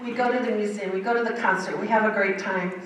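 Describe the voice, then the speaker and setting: A woman's voice: mid-range voice, fairly even intonation, fast, a bit bright, recorded from a distance, a little hiss or hum. An older woman giving a personal testimony in a church, telling her story in a vivid, emphatic way. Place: church sanctuary. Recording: very echoey hall, heard from afar.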